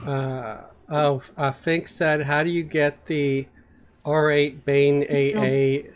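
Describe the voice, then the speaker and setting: Brief: relaxed male streamer, halting, filler-heavy chat while gaming. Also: a little high, clear, resonant tone. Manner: hesitant, many fillers, reads viewer messages aloud. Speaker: streamer playing an online role-playing game. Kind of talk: casual live-stream chat over voice chat.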